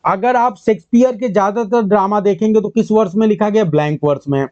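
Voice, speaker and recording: High-voiced male teacher quizzing his class. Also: a little mellow, no echo, dull audio. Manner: quizzes students, praises answers, mixes English terms into Hindi; reads English questions out slowly, word by word. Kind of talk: online exam-prep class.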